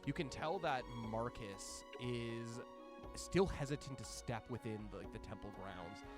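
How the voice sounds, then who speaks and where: A man's voice: medium pitch, unhurried. A man narrating a tabletop roleplaying game as game master, improvising his descriptions of the scene. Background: music bed.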